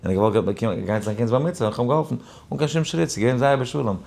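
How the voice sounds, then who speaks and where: A man who is a rabbi giving an informal Torah lesson, weaving in a personal story, animated and shifting between quiet asides and emphatic points. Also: medium pitch, quick pace, gravelly. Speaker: rabbi teaching a daily Torah class.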